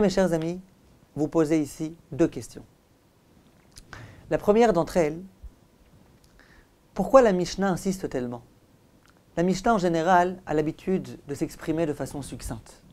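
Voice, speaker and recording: Here a high-pitched rabbi leads a Torah class. His teaching is emphatic and didactic, full of rhetorical questions and repeated lines, and each phrase tends to end softly.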